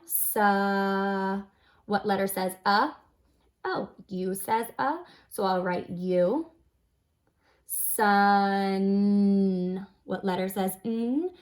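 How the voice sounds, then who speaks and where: A woman with a mid-pitched voice speaks as a reading teacher giving an instructional demonstration. She explains each step patiently, using simple example phrases suited to kindergarten learners.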